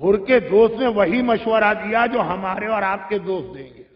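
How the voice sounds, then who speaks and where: A male cleric recites a sermon as dramatic storytelling, building at times to shouted cries. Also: high-pitched, far from the mic. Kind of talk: impassioned Muharram sermon recitation. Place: large mosque hall. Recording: echoey hall, dull lo-fi sound.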